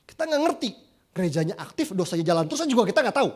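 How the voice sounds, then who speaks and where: Male preacher, high voice, casual anecdotal delivery that slips into voices for quoted people. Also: very fast. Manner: lively, chatty, acts out quoted voices. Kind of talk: casual storytelling sermon. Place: church.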